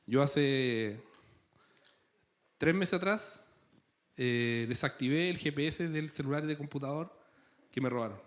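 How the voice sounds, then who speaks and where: Here the Chilean pastor's voice is medium in pitch, with a measured pace and frequent pauses. He delivers his church sermon in a Chilean Spanish accent, chatty and lighthearted, sprinkling in rhetorical questions.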